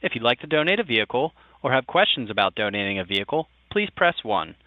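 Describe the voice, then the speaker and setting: A man's recorded automated phone menu, read politely at an even pace as a scripted greeting. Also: mid-range voice, fast talker, no echo. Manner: polite, evenly paced menu reading. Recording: tinny dry phone line.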